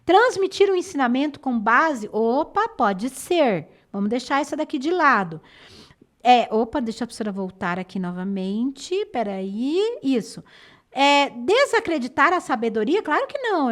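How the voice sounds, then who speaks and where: A woman teacher with a Brazilian Portuguese accent, going over exam answers in a lesson and explaining patiently and clearly. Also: sits high. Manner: clear, patient explaining, slows down to stress syllables.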